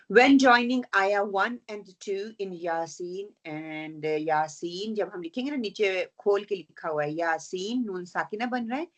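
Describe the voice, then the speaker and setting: A woman teaching Quran recitation rules in an online lesson, explaining patiently, checking in with her students, and slowly reciting example verses. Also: medium pitch, highs cut off. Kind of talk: online tajweed lesson, mixing Urdu and English.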